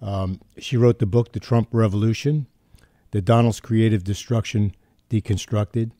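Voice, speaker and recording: Male talk-radio host, low, dark tone, dry close mic, plain-spoken. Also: fairly even intonation, moderate pace, no echo.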